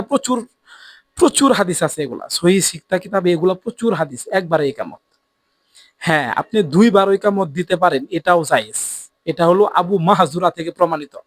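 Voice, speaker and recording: High-voiced man teaching earnestly. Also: dry recording. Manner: earnest, repeats points for emphasis. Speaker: Islamic preacher. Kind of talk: religious teaching talk to camera.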